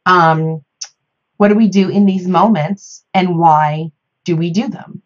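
With fairly even intonation and a fairly low pitch, an American woman takes part in a reflective podcast conversation. She talks haltingly and thoughtfully, leaving pauses between phrases, and the sound is lo-fi.

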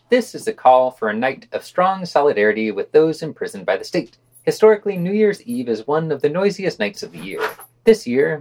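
Male podcast co-host, news-roundup reader, animated intonation, dry sarcastic commentary. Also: medium pitch. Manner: sardonic, opinionated asides between read quotes.

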